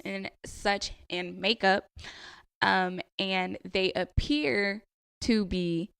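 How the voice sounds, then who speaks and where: A woman co-hosting a casual podcast, relaxed, laughing easily and explaining things with a few fillers. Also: medium pitch, slow pace, gravelly, clean tone, no echo, clean studio sound. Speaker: podcast co-host.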